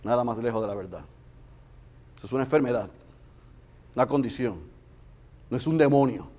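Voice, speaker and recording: A man preaching a sermon with passion, swinging between loud emphasis and hushed storytelling. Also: mid-range voice, fairly quick. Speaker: pastor.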